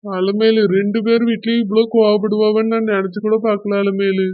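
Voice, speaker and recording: A woman's voice: mid-range voice, little pitch movement, a little fast, no echo, natural voice. A hesitant young husband in a village drama, played by a woman, with a Kanyakumari Tamil accent. He soothes his wife while sounding unsure of what to do next. The sound is dry and somewhat dull and lo-fi. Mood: worried. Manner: soothing, hesitant, repeats wife's name. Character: worried young husband, press shop owner.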